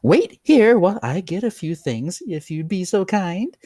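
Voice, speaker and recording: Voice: mid-range voice, very animated, unhurried, dark tone, husky, no room sound, studio quality, pitched above the performer's own voice. A narrator voicing an aggressively hospitable, creepy whiskered man in a horror story, with a folksy, effusive, exclamatory manner. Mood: sly hospitality.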